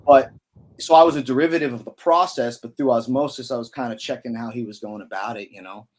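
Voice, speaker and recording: A man's voice: medium pitch, fast. Chatty man telling a story. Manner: animated storyteller, many fillers like "you know". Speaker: podcast guest, musician. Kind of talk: casual storytelling.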